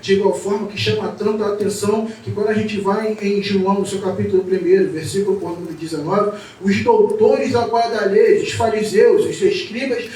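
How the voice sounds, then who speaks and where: Brazilian pastor man preaching hard, really high voice, shouty glory bits, big echo church, picked up from far off. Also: fairly even intonation, fairly quick, few pauses, a little hiss or hum. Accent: Brazilian Portuguese. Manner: impassioned, building to shouted exclamations of praise. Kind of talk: fervent Pentecostal sermon. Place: church sanctuary, at the altar. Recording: very echoey church from a distance.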